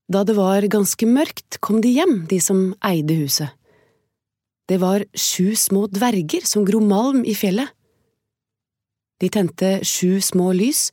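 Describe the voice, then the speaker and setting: A woman reads a fairy tale aloud in a calm, gentle way at an even pace. Her voice is mellow and sits at a middle pitch. The recording is dry and close. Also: dry recording. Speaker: storyteller.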